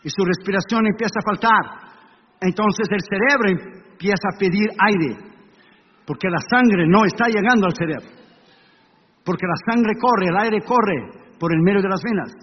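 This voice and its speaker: Male preacher, evangelistic sermon, high voice, dramatic storytelling, imitates beeping sounds, long hall reverb, dull recording. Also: normal speed, long pauses. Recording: dull echoey hall recording, faint noise.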